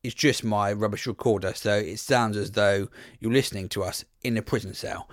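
A man's voice: on the low side, steady tone, normal speed, dry recording, studio quality. A British man introducing a podcast as its host in an informal, self-deprecating, jokey way.

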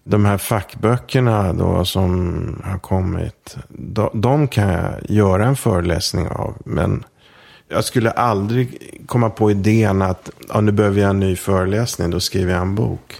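Gravelly guy, lowish voice, author chatting in an interview, tells stories. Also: darkish tone. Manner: anecdotal storyteller, reflective. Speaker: author guest. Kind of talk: casual interview talk.

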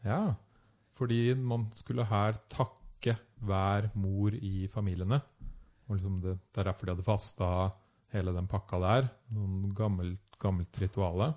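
A man with a fairly low voice tells a travel story in relaxed conversation. He gets animated as he goes and jumps up in pitch when he acts out the people in it. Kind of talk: casual storytelling chat.

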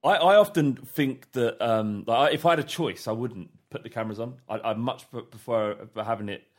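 A man co-hosting a podcast on a call, teasing his co-host in a plain middle-pitched voice. He stops and restarts his words often as he talks. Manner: teasing, halting with repeated starts. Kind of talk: casual chat. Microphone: remote video call.

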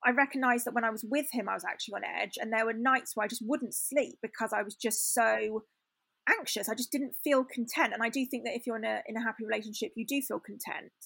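A woman's voice: on the high side, fast, vocal fry, a bit bright, breathy edge, no echo. A young woman telling a personal story in a candid, chatty way, full of fillers and restarts. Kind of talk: casual storytelling chat.

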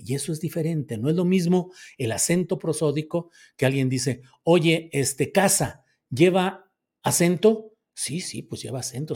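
This commentary host, who has a Mexican accent, reads viewers' comments aloud and responds with sardonic chatter, stretching certain words for emphasis. His mid-range voice is husky with a darkish tone.

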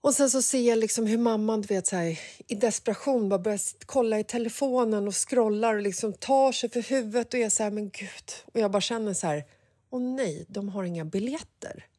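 A woman in her forties, a podcast host, telling a personal story in a casual, emotional, animated way. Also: on the high side, few pauses, no room sound, studio quality. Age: 40s.

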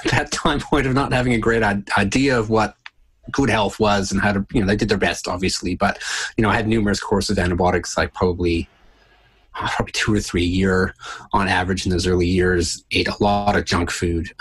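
Middle aged canadian-born guy chatting, deep and raspy, stumbles over words a bit. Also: steady tone, a bit bright. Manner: halting, repeats words. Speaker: podcast guest, naturopath and researcher. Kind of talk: casual interview storytelling.

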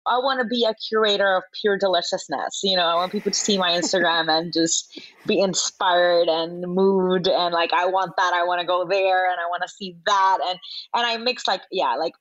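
A woman's voice: lowish voice, no room sound. Venezuelan chef lady in her 40s, chatty and giggly, dry muffled sound. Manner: animated, laughs often, many fillers. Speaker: chef guest. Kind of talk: casual interview chat.

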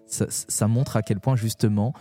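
A young man from France talks as a guest on a poetry podcast, searching for his words with frequent pauses and restarts. His voice sits fairly low and sounds warm and dark. He speaks openly, in a loose conversational flow. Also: steady tone, faint music behind. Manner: hesitant, full of pauses and restarts, frank and heartfelt. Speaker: poet guest.

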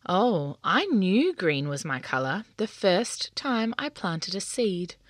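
A woman voicing a peaceful, gentle female unicorn in a storybook, speaking calmly and kindly. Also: mid-range voice, takes it slowly, no echo, clean studio sound.

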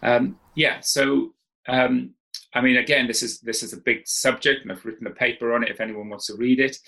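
Male professor, gravelly voice, informal explainer with restarts. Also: mid-range voice, steady tone, normal speed, bright, forceful tone, poor audio. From Wales. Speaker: professor, expert guest. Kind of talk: conversational interview.

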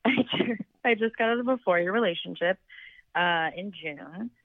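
A woman's voice: fairly low pitch, moderate pace, no echo. Woman caller over a muffled phone line. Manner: hesitant, full of fillers. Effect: heard over the phone. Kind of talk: casual chat.

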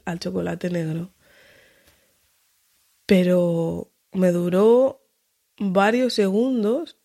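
A woman from tells a personal story as a podcast host. She narrates in an animated way and jumps to a higher voice whenever she acts out dialogue. Her voice sits at a middle pitch for a woman.

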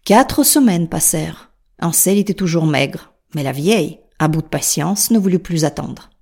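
A woman reading a fairy tale aloud in a soft, half-whispered narration. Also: low voice, expressive, moderate pace, gravelly. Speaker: storyteller.

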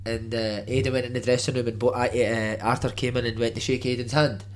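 A man's voice: mid-range voice, flat delivery, fast. A man with a Glasgow accent telling casual anecdotes in matey, sweary street vernacular, over background noise. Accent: Glasgow, Scottish.

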